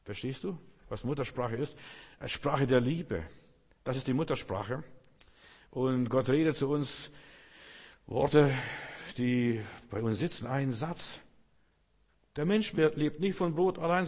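A middle-aged male pastor delivers a fervent sermon. He rises into loud, emphatic calls and falls back into quiet, intimate phrases. His voice carries a long reverb from a large church hall. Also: a little high. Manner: emphatic preaching, swings between loud and hushed.

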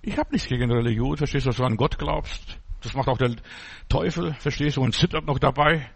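A man's voice: medium pitch, brisk, vocal fry, husky. A man preaching an informal sermon, blunt and mocking, in short broken phrases.

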